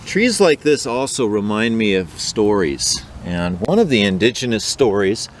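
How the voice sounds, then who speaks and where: A man's voice: lowish voice, sing-song, moderate pace, slight background noise. A man, a park ranger giving an easygoing guided nature hike talk in the woods. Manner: easygoing, storytelling, gentle. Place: outdoors in the woods.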